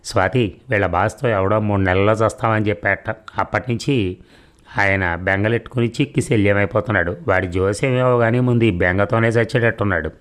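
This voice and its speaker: Chatty young woman friend in a storybook reading, read by a man, joking tone, low pitch. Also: fairly even intonation, fairly quick, a bit bright, lightly acted.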